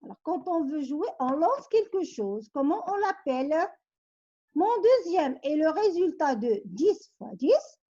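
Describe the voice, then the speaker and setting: A woman's voice: high voice, big pitch swings, a little slow, warm tone, lo-fi sound. A woman teacher reading word riddles to her pupils, patiently coaxing them with questions and hints. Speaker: primary school teacher.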